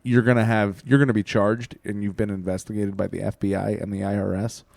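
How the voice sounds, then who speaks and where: Co-host, Midwestern man, lowish voice, dry sound, blunt and slangy. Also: flat delivery, a little fast, gravelly, darkish tone, no room sound. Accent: American Midwest. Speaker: podcast co-host. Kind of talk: casual political chat.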